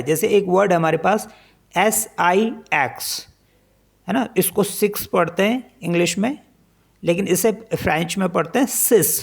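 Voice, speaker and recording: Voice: mid-range voice, creaky. A language teacher explaining French pronunciation in Hindi, spelling each word letter by letter and then repeating how it is read.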